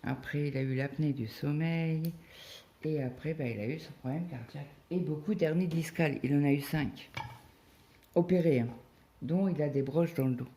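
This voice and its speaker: A woman's voice: sits low, normal speed, mellow. A woman in her fifties chatting casually as she cross-stitches, telling stories with lots of hesitations and tag words, recorded on a phone. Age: 50s. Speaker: craft vlogger.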